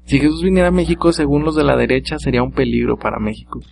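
A man's voice: medium pitch, expressive, rapid-fire, vocal fry, noisy background. A man with a Mexican accent hosting a solo comedy podcast, rattling off jokes in a casual, slangy way and laughing at his own lines. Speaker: podcast host.

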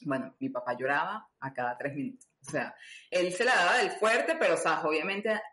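Brisk and low-voiced with a bit of brightness, a woman appearing as a guest recounts a personal story, chatting with plenty of fillers and performing the dialogue. Her voice echoes around the room.

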